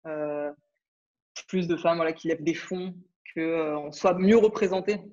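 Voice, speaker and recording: Speaking at a moderate pace, this woman from France, in her twenties, is a startup founder guesting on a podcast. Her voice is on the low side and dark in tone, her casual interview talk is hesitant with many fillers and restarts, and the recording is dull.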